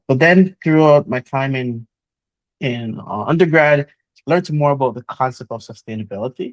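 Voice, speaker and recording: A man talks through his path into engineering in an earnest, motivational way. His voice sits at an ordinary middle pitch, and the recording is dry and close. He leans on "so" and "uh" as he thinks aloud. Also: a little mellow, no echo, low-quality recording. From Jamaica. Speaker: guest, chemical engineer. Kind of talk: conversational interview.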